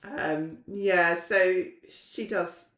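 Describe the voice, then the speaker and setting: A woman's voice: fairly low pitch, very slow, fairly bright tone. A middle-aged woman, a podcast guest telling stories in a chatty, self-mocking way, recorded in a roomy space. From southern England. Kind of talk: casual storytelling chat. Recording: roomy echo.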